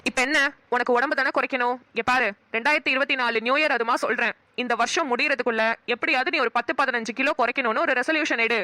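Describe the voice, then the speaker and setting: A woman's voice: high-pitched, quick pace, few pauses, pushed and bright. A woman with a Namakkal Tamil accent voicing a bossy, scolding friend in a cartoon. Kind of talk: cartoon voice acting.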